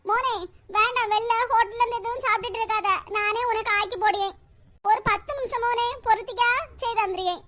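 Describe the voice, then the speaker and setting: A performer doing a shrill, wailing old mother-in-law. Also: steady tone, quick pace, sharp tone. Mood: martyred. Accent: Kanyakumari Tamil. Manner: wailing, martyred, dramatic. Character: weepy, self-pitying elderly mother-in-law. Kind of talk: cartoon voice acting.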